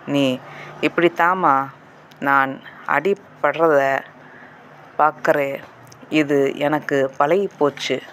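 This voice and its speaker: A man voicing a battered young wife, speaking quietly and with resignation in an audiobook reading. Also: fairly high pitch, fairly even intonation, drawn-out words, long pauses, slight background noise. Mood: weary.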